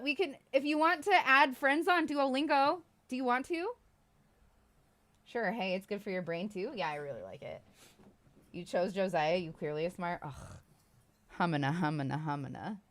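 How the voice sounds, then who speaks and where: Chatting on a livestream, a thirtysomething woman from Iowa, United States rambles along in a self-deprecating way, laughing and cursing often. Her voice sits in the mid-range and sounds a bit bright.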